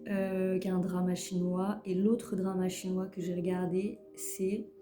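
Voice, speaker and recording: A woman's voice: lowish voice, little pitch movement, measured pace. A woman giving a casual weekly card reading, talking hesitantly with many fillers and repeated words. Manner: self-mocking about her English. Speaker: tarot reader giving a weekly guidance. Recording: roomy echo with faint music behind.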